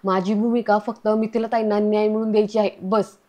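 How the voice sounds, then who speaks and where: A man's voice: high-pitched, little pitch movement, fairly quick, a little mellow, lightly acted. A woman reading the lines of a two-faced young man who is controlling in private and courteous in public, in a serial recap. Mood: falsely polite. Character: two-faced young man, menacing then fake-polite.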